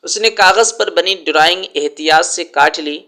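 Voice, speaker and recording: A man narrating a scripted story in a measured, plain storytelling way. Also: a little high, sharp tone.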